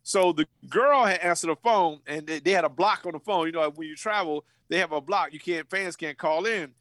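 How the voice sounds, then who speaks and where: A man in his fifties tells an old story in a high, lively voice. His delivery is full of slang and repeated words, and he acts out other people's voices as he goes. The recording is dry and close. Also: brisk, no room sound. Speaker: guest, former college football player. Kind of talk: animated storytelling.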